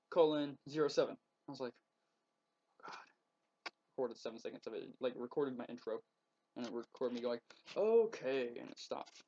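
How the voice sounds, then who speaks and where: A teenage boy chats into his laptop webcam at home, his voice sitting at an ordinary middle pitch. He rambles and stalls, filling gaps with ums and likes. The lo-fi laptop audio sounds a little dull and muffled. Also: a little mellow. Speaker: vlogger. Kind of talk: casual webcam vlog. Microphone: laptop webcam mic.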